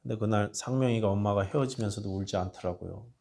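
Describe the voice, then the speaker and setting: A low-voiced male pastor delivers a sermon. He tells stories in an easy, conversational tone. He drops to a near whisper for tender lines and rises sharply when he appeals to the congregation. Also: fast, creaky. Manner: storytelling, dropping to a hushed voice for tender quotes and rising to loud appeals.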